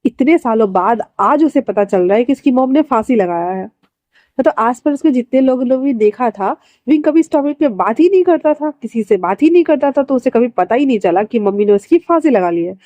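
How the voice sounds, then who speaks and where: Lady telling a fan story casually, mellow voice, dry sound. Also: on the high side, lively intonation, brisk, dry recording. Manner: informal retelling with fillers.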